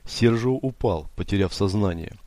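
A man narrating an audiobook in a steady, dramatic reading manner. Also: on the low side, moderate pace, dry recording.

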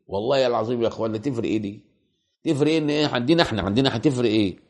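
Egyptian man preaching, rapid gravelly delivery, repeats himself for emphasis. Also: mid-range voice, darkish tone. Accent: Egyptian Arabic. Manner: rhetorical questions and emphatic repetition. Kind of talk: colloquial religious lecture.

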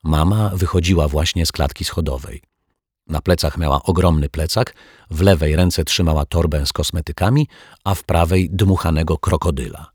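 Deep, husky male narrator. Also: normal speed, darkish tone, no room sound, studio quality. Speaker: audiobook narrator. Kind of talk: scripted narration.

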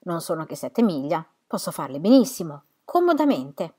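A woman's voice: fairly low pitch, very animated, normal speed, mellow, breathy edge. A woman voicing a charming, easygoing young man who teases playfully, read from a novel. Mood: teasing.

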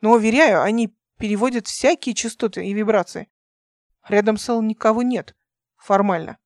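A woman's voice: medium pitch, normal speed, dry recording, studio quality, lightly acted. A woman reading an audiobook voices a ship's computer intelligence in a level, factual tone.

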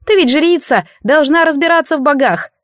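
A woman's voice: high-pitched, animated, moderate pace, no room sound, clean studio sound, voice pushed up. A woman reading an audiobook and voicing a cheeky, shape-shifting child god in the form of a young boy, petulant and teasing with a grown-up edge. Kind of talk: audiobook character voice.

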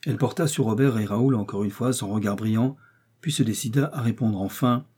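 A man reading an audiobook in measured storytelling narration. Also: on the low side, mellow, breathy edge. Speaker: audiobook reader. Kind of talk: scripted narration.

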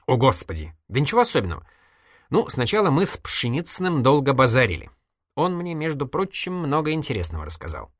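A man's voice: mid-range voice, huge pitch swings, fairly quick, fairly bright tone, no room sound, clean studio sound, voice pushed up. A reader voicing an evasive, wisecracking male journalist in an audiobook, ironic and mock-innocent. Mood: wry. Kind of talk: audiobook character voice.

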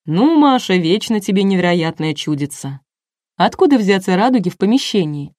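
A woman's voice: mid-range voice, animated, moderate pace, darkish tone, dry recording, natural voice. Woman as flashy chirpy male TV presenter, audiobook, dry close voice. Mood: upbeat. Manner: showy, hyped-up announcing. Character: brash chirpy male TV show host.

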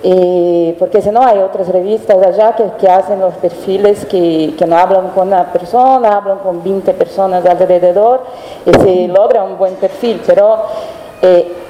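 A woman's voice: medium pitch, fairly even intonation, unhurried, dark tone, slight background noise. A woman journalist with a Brazilian Portuguese accent, speaking a Spanish-Portuguese mix and searching for words as she answers on a panel. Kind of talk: spontaneous panel talk. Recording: echoey hall with long reverb.

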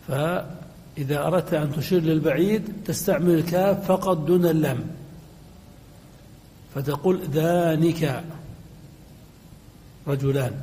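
A male teacher giving a recorded lecture, spelling out his examples slowly and with care. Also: fairly high pitch, mellow, long reverb tail. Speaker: grammar teacher.

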